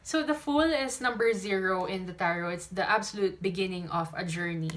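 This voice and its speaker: A woman's voice: medium pitch, fairly quick. A woman with a Filipino accent gives an intuitive tarot reading to viewers, speaking up over rain in a conversational way without a proper microphone. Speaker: tarot reader and channel host. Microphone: no usual microphone, camera's own mic.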